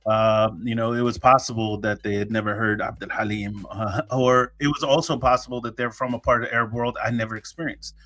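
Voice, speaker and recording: This is an American guy talking solo on his podcast in a loose, joking way, often restarting and using fillers. His mid-range voice is a bit bright and fairly even in intonation, and he moves fairly quickly with hardly any pauses.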